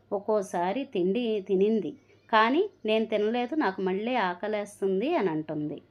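A woman's voice: mid-range voice, darkish tone, close to an everyday voice. Weary defensive brother, a woman reading him. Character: grieving brother, grown man, weary and defensive. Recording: dull lo-fi recording.

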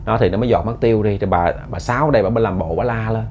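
A man's voice: on the low side, racing, highs cut off, a little hiss or hum. A man telling a ghost story in a folksy, repetitive way, often addressing his listeners.

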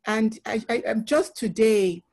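A woman's voice: fairly high pitch, fairly even intonation, unhurried, darkish tone. A middle-aged woman from Nigeria, moderating a panel webinar over a laptop video call, effusive with many filler ums. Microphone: laptop webcam video call.

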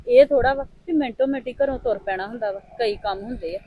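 A woman's voice: fairly high pitch, fairly quick, phone-quality sound, background noise. A young woman with a Punjabi accent playing a chatty friend explaining why she is late. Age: young adult. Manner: chatty, excusing herself. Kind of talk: family drama acting.

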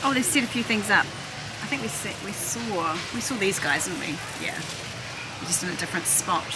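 Over loud music and with poor audio, a middle-aged woman speaks at normal speed in an animated, medium-pitched voice. The vlogger is browsing a busy warehouse store with a handheld phone, chatting and thinking aloud against loud store noise.

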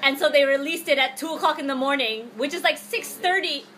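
A young woman hosting a reaction video, chatting excitedly in quick, slangy bursts over the music she is reacting to. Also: sits high. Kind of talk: casual reaction chat.

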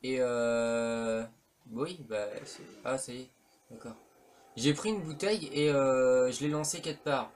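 A man's voice: medium pitch, unhurried. A man giving casual, rambling commentary on a horror video game, full of hesitations and slang. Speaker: let's play commentator. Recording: faint background noise.

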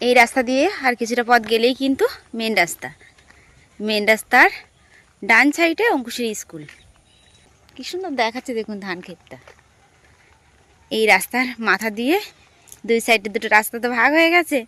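High-voiced woman vlogging outdoors in a village. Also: expressive, fairly quick, pauses often, pushed and bright, dry recording. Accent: Bengali, Sundarbans. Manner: chatty, addresses viewers as friends. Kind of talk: casual vlog narration.

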